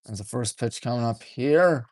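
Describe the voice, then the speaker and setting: A man doing play-by-play radio commentary for a high school baseball game from a press box, folksy and partisan, keeping his voice deliberately restrained. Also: dry recording, studio quality. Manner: folksy, chatty, partisan toward home team; deliberately restrained, hushed delivery.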